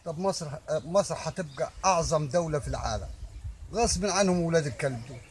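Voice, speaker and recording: Older man, Egyptian accent, somewhat high voice, emphatic impromptu monologue, stumbles and repeats himself, light outdoor background noise. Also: quick pace. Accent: Egyptian Arabic. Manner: emphatic, repetitive, stumbling over words. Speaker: army veteran giving his opinion. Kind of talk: impromptu monologue addressed to the public.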